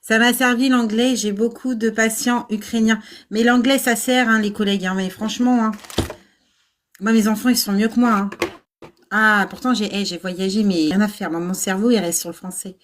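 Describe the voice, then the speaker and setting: A middle-aged woman, a nursing-assistant VAE coach, hosts a casual livestream from an old house with no air conditioning, chatting with viewers, mocking herself, laughing often, and hesitating a lot. Her mid-range voice is steady at a moderate pace, with a bit of hiss or hum.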